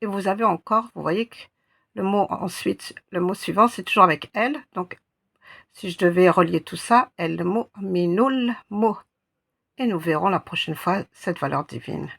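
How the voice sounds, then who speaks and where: Woman, language teacher, slow patient delivery, gravelly husky voice, lowish pitch. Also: a bit bright. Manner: patient, repeats sounds syllable by syllable. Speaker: Arabic teacher. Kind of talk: slow step-by-step lesson.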